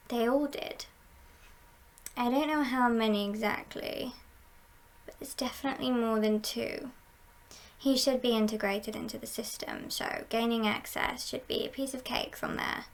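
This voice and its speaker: A woman playing a confident, scheming female heist boss in an ASMR role-play, speaking in a measured, playful and conspiratorial way with a creaky voice. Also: on the high side.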